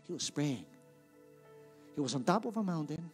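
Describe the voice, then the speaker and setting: A man's voice: on the high side, very animated, normal speed, soft background music. A male pastor with a Filipino accent preaching a sermon in a church, emphatic, repeating words and calling on the congregation to answer back.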